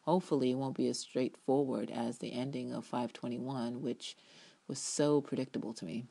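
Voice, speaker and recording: A woman with a very deep, creaky, mellow and husky voice speaks at a moderate pace with fairly even intonation. She is a TV episode reviewer giving a dramatic reading of her written review, emphatic and opinionated, drawing out key words and tossing in offhand asides.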